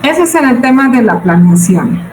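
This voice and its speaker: At a moderate pace, a woman with a slightly high, sing-song voice teaches business budgeting to students. In her forties and speaking with a Mexican accent, she lectures informally in a didactic question-and-answer style, and the room echoes with background noise.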